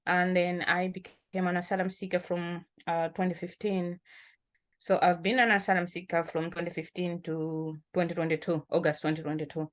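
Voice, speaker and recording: A woman's voice: on the low side, little pitch movement, normal speed. A woman from Malawi, a poet and activist, speaking as an interview guest. She talks casually, laughs often and repeats words while she gathers her thoughts.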